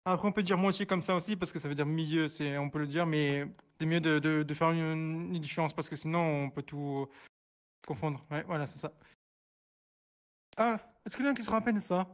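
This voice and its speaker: A man's voice: on the high side, clean tone. A man teaching a sign language class online, hesitant, full of fillers and restarts, repeating each word as he signs it. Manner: repeats each word slowly while signing. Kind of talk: live online class explanation.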